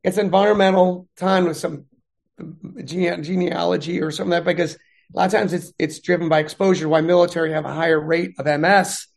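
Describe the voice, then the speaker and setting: A middle-aged man, a veteran and math instructor, chatting in an interview with animated, rambling storytelling. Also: high voice, fairly quick, gravelly. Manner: rambling, animated retelling with voiced quotes.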